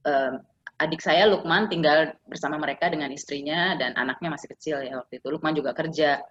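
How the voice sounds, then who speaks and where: A woman's voice: sits low, a little fast, a bit bright, slight background noise. A woman in her forties telling a personal family story in an interview, often acting out the voices of the people she quotes. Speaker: guest sharing caregiving experience. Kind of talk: conversational interview. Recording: slightly dull, lo-fi call audio.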